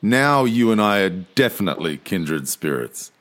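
A man's voice: lowish voice, big pitch swings, moderate pace, fairly bright tone. A man hosting a podcast, interviewing a guest and closing the episode with enthusiastic thanks and plugs. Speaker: podcast host.

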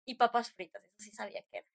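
A woman's voice: a little high, vocal fry. A young woman with a Mexican Spanish accent, chatting casually and rambling through a story with slangy fillers.

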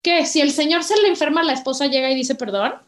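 A woman with a Mexican accent talks bluntly in a casual podcast chat, swearing freely and acting out apologetic voices. Her voice sits high. The room around her is echoey. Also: expressive, fast talker. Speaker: podcast co-host. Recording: roomy echo.

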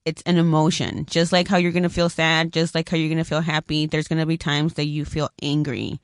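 A woman's voice: low-pitched, flat delivery, fairly quick, no echo, clean studio sound. A young woman and mother co-hosting a casual podcast chat, talking candidly and swearing freely. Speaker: podcast co-host.

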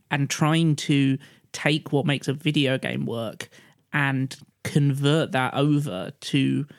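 A podcast panelist talks in a casual discussion, his medium-pitched voice captured dry and at studio quality. He rambles hesitantly, wandering into asides and leaning often on "you know" and "like."

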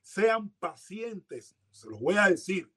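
A man's voice: high-pitched, very animated, takes it slowly, a bit bright, breathy edge. A man co-hosting a casual boxing chat, talking emphatically and repeating words to drive a point home. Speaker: podcast co-host.

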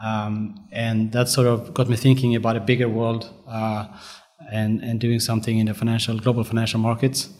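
Swedish-raised man, measured guest. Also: lowish voice, monotone, darkish tone. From Sweden. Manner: measured, many ums and pauses. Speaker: guest fund manager. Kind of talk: interview answers.

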